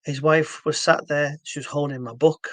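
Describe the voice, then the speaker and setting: Speaking at a moderate pace in a high-ish, steady voice, a Yorkshire-accented Englishman talks earnestly about his stroke therapy technique. It's casual talk to camera with lots of fillers and restarts, recorded without echo.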